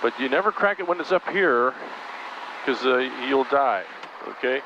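Speaking at normal speed in a mid-range voice, a male flight instructor gives a student helicopter pilot calm, coaxing instructions in brief commands. The in-flight coaching is heard through a headset intercom, muffled and accompanied by engine noise.

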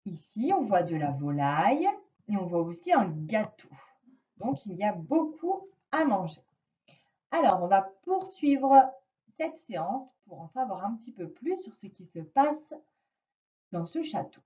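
A woman teaching a reading lesson to a young child, slowly and patiently stressing each sound. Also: medium pitch, big pitch swings, warm tone, far from the mic, highs cut off. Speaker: primary school teacher.

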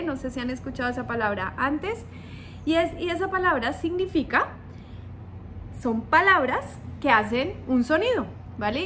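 A woman's voice: high-pitched, a bit bright, a little hiss or hum. A young adult woman teacher giving a video lesson to young writers, playful and coaxing, often checking in with the viewer.

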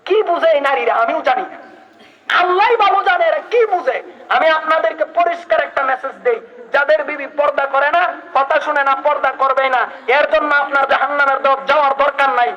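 Very high-voiced fiery male preacher. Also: a little fast. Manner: shouting, dialect-heavy, urges the crowd to answer. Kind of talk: fiery sermon. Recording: dull lo-fi recording.

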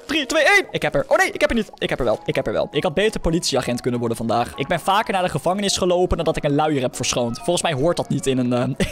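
A man from the Netherlands with a Dutch accent, giving excitable, jokey let's play commentary and talking straight to his viewers. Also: sits high. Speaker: gaming YouTuber.

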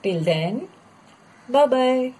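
A woman's voice: high voice, expressive, extremely slow, warm tone. A woman teaching a children's lesson online, patiently explaining and drawing out model pronunciations, with English words mixed in.

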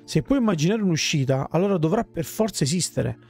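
A man's voice: a little high, expressive, fast talker, vocal fry, darkish tone, faint music behind. A man voicing a pompous, self-assured talking magic book in a fantasy game. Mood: lecturing.

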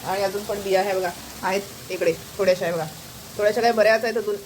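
A friendly woman talks her viewers through her cooking and housework. Her voice sits at an ordinary middle pitch and comes through a phone recording with clear background noise. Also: fairly even intonation, fast talker, a little mellow. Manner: chatty, addresses viewers as friends, shows food. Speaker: vlogger. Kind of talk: casual home vlog narration. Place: home kitchen. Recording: home video with noise.

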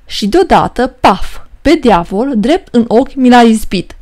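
A woman narrating a rhymed folk tale for a filmstrip, reading with a steady verse rhythm. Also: fairly high pitch.

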